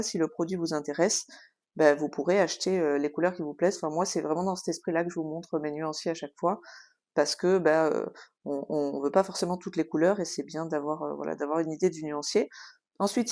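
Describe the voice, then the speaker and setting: A woman's voice: sits low, warm tone. A woman hosting a casual craft tutorial, explaining at an easy pace with frequent hesitations and filler sounds. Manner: chatty, explanatory.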